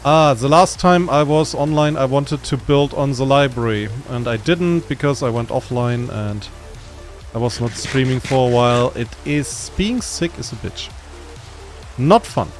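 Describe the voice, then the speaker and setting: A man from Germany with a German accent, chatting casually and rambling a bit while streaming a game, laid-back and self-deprecating. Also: mid-range voice. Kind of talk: casual gaming stream chat.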